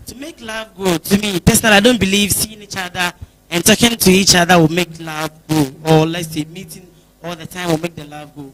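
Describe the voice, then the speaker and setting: A woman's voice: fairly low pitch, fairly even intonation, brisk, rough recording. Ghanaian lady guest on a church show, earnest, talks people through advice. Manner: earnest, advising, acts out little phone chats. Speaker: guest speaker.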